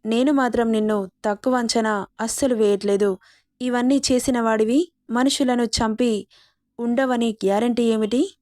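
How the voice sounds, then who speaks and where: A bitter, defiant young wife with a sharp, accusing edge, read by a woman narrator. The voice is fairly high and dry, with no room around it. It is a storybook reading. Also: steady tone, moderate pace, no room sound, close to an everyday voice.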